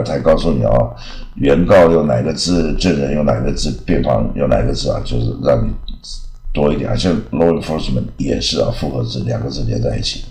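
A man from Taiwan, an English teacher, gives a casual, rambling English lesson full of filler particles and restarts. His bass voice is a little mellow. The recording is rough, in an echoey room.

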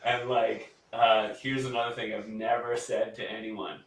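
A man chatting casually on a podcast, telling animated stories and laughing often. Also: fairly low pitch, a little slow. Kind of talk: casual chat. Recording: roomy sound from a distance.

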